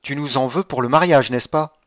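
A tender young woman pleads in a raised, higher voice, earnest and close to tears, as a male reader puts her on. The sound is dry and a little dull. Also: moderate pace, no room sound, close to an everyday voice. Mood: eager.

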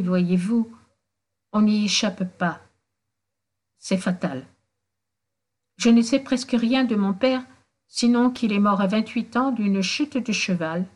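A woman voicing a remorseful young man who drinks, speaking sadly in halting phrases in a storybook reading. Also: mid-range voice, darkish tone, lightly acted. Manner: halting, contrite, sad.

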